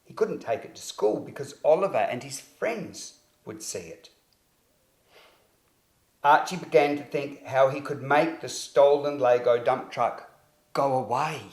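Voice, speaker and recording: In an echoing, spacious room, a man of medium pitch reads a children's story from a script, his storytelling phrasing deliberate and expressive.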